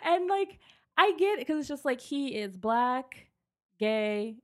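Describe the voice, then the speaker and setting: A woman's voice: high voice, sing-song, slow pace, fairly bright tone, no room sound, studio quality. A woman co-hosting a casual podcast chat, speaking earnestly with many fillers. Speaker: podcast co-host.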